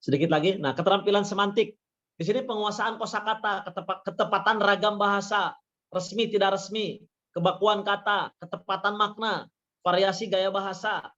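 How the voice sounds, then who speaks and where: A man's voice: high voice, fairly even intonation, moderate pace, sharp tone. A man who is a university lecturer, giving a webinar talk through slides, who repeats his phrases and leans on fillers like "ya" and "nah". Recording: dull lo-fi webinar audio.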